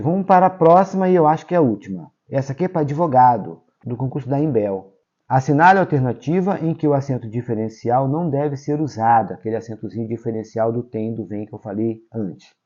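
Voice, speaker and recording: A Brazilian man teaching a grammar lesson for exam preparation, explaining step by step and checking in often with "tá?" and "ok?", stressing key words with sudden jumps in pitch and loudness. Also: muffled recording. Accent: Brazilian Portuguese.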